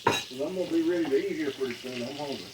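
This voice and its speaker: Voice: medium pitch, quick pace. A plainspoken, folksy home cook with an Arkansas Southern accent, chatting casually while cooking in a home kitchen. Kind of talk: casual cooking vlog chat. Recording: clear frying sizzle and kitchen noise. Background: frying food sizzle, stirring.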